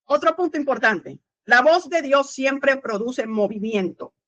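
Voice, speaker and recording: A woman's voice: high-pitched, a little slow, a bit bright, no room sound, dull audio. A woman preaching a sermon in an earnest teaching tone, asking her listeners questions and often saying "amen". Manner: frequent "amén" and rhetorical questions to the congregation; earnest teaching tone with small restarts.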